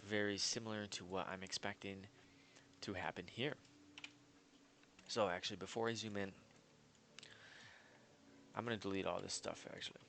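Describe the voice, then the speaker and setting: A man with hiccups talks through his market charts on a screen share, breezy and self-assured but rambling and filler-heavy. He has a lowish, bright, forceful voice, and a little hiss or hum is audible.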